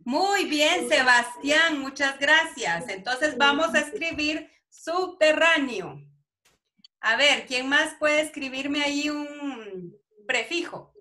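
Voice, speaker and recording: A woman teacher with a Guatemalan Spanish accent, running an online class for young pupils, calling them affectionate names and reading words out slowly. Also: high-pitched, animated, bright, forceful tone. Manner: affectionate, calls pupils "mi amor". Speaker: primary school teacher.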